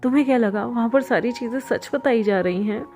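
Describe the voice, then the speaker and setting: A woman's voice: on the high side, fairly quick, a little mellow, faint music behind, lightly acted. A woman voicing a hot-tempered young husband who scolds his spouse in an exasperated way, in a storybook reading. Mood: scolding. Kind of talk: storybook fan-fiction reading.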